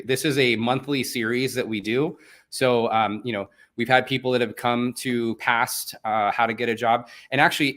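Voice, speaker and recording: This is a Venezuelan man, a native Spanish speaker, hosting a live online event. His medium-pitched voice has a fairly bright tone, and he keeps things chatty and upbeat, leaning on lots of fillers.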